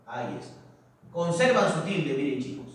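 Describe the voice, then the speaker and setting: Male teacher, high voice, patient and repetitive, heavy room echo. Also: expressive. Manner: checks understanding with constant tag questions; repeats key words slowly for emphasis. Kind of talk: classroom grammar lecture. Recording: very echoey room, distant mic.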